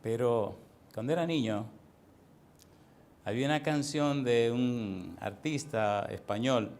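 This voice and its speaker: A man's voice: mid-range voice, takes it slowly, creaky, a little mellow. A male pastor preaching a sermon in a church, firing emphatic rhetorical questions at the congregation.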